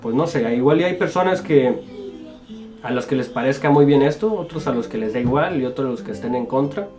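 Music plays behind a young Mexican man in his twenties who answers viewer comments from a small home studio as a guest YouTuber. He sounds animated and a little fast in a mid-range voice, with a Mexican Spanish accent. He's informal and jokey and laughs a lot.

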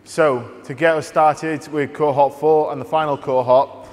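A man's voice: a little high, steady tone, unhurried. Man hosting on stage, reverberant hall. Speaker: event host. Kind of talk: event hosting, introducing speakers. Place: large dark theatre stage, indoors.

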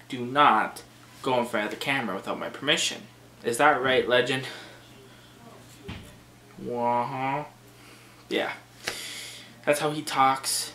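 A man hosting a casual vlog, animated and swearing, easily worked up as he talks. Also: medium pitch, slight background noise. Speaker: vlog host. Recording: echoey room.

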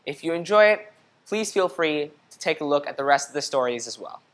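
On an indoor studio set, a young adult man wearing a lapel mic leads a children's picture book read-aloud. His voice is a little high, animated, brisk and somewhat bright, and he keeps a clear pace while talking directly to the young listeners and quizzing them.

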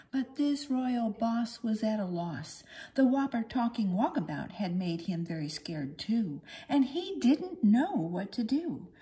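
Her voice is a little high with a dark tone as she performs a children's storybook aloud. She leans into theatrical, sing-song emphasis, like a storyteller entertaining young listeners.

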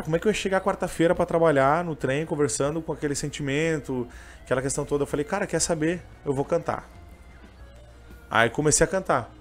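A young man with a gaúcho Portuguese accent telling his story in a casual interview, rambling and emotional, full of fillers. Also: fairly high pitch. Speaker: interviewee, train vendor and singer.

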